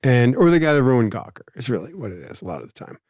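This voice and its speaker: A man's voice: mid-range voice, sing-song, fast, a little mellow, no room sound. Reflective Philadelphia man, dry sound. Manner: reflective, rambling, many asides and fillers. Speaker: podcast host. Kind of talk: casual conversation.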